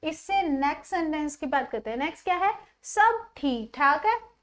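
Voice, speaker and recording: A woman teaching English in a classroom-style lesson, explaining patiently and repeating each English phrase slowly. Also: sits high, lively intonation, a bit bright.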